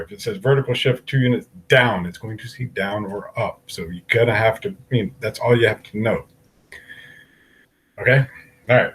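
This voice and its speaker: A man's voice: mid-range voice, husky, rough recording. A man teaching an algebra lesson, working through graphs step by step and asking the class questions aloud. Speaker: math teacher.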